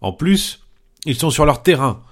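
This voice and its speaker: A man's voice: on the high side, big pitch swings, measured pace, voice pushed up. A man voicing a panicking, cowardly male companion at sea, frantic and pleading in a dramatic reading. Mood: panicked.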